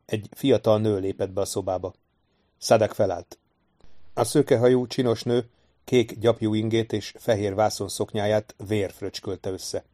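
A man narrating a fantasy novel as an audiobook reader, in an even, unhurried storytelling voice. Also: fairly low pitch. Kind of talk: scripted narration.

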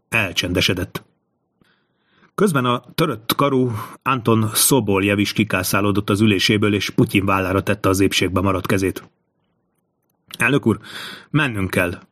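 A man narrating a thriller audiobook in a slow, measured reading. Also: on the low side, a bit bright.

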